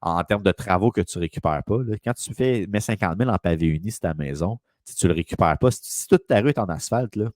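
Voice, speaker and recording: A man's voice: low voice, lively intonation, fast, few pauses, darkish tone, dry recording, studio quality. A man with a Quebec French accent, a real estate broker telling a long rambling story in casual conversation.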